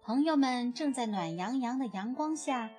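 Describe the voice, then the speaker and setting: A woman reading a children's picture book aloud in an expressive storytelling manner. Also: a little high, normal speed, music in the background.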